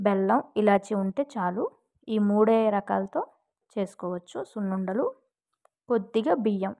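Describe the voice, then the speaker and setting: A woman, explaining a recipe step by step to her viewers in a gentle, polite, casual way. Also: mid-range voice, gravelly. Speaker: cooking vlogger. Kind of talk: casual cooking demonstration.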